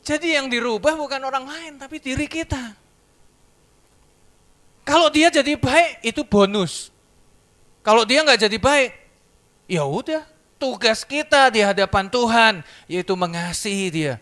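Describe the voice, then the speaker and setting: A man giving a sermon testimony in church, telling his story in a lively way and acting out the dialogue. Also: very high-pitched, a little slow, pauses often. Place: church service.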